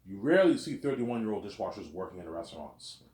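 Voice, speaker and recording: With a fairly low, darkish voice and a quick, sing-song delivery, a thirtysomething vlogger from Quebec wanders through a relaxed monologue. He says things more than once and acts out both halves of pretend exchanges, all in a roomy-sounding space.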